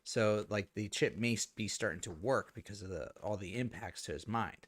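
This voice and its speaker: A man's voice: fairly low pitch, normal speed. A man hosting a casual watch-party chat, easygoing, leading the talk and asking others for their ratings. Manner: easygoing, leads the discussion and asks for ratings. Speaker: host.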